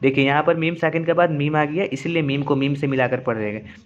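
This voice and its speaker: A man with a fairly high voice teaches recitation rules in a patient lesson and goes over each point again and again. The recording sounds dull and lo-fi. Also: fast talker. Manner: repetitive, patient explaining. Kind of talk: explanatory lesson with slow recited examples.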